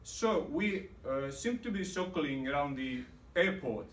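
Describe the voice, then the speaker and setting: A polite, matter-of-fact male plane passenger with a peculiar accent, as a man puts him on, pitched a touch higher than his own voice. The sound carries the echo of a large room, heard from some distance. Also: very animated, brisk, a little hiss or hum. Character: calm Indian male airline passenger. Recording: roomy hall, mic far off.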